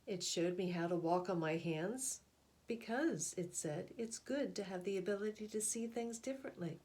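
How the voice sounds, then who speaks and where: Her voice sitting in the middle range, a woman acts as storyteller for a picture book, reading with expressive, unhurried phrasing broken by pauses.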